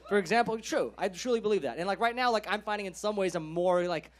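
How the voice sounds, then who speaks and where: A man's voice: high-pitched, quick pace. A man from California with an American accent doing a stand-up set in a casual, slangy way, laughing often. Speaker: stand-up comedian.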